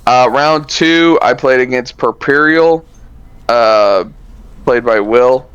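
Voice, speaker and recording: Smooth-voiced man in relaxed podcast chat. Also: mid-range voice, slow, dry recording, muffled recording. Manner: relaxed, rambling, many fillers and self-corrections. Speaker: podcast co-host. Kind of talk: casual chat recapping card tournaments.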